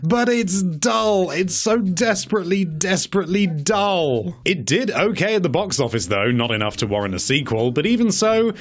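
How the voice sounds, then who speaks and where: A man presents a video game movie countdown in a casual, opinionated commentary style, wry and fond of mock-dramatic emphasis and drawn-out words. His voice sits high and is expressive.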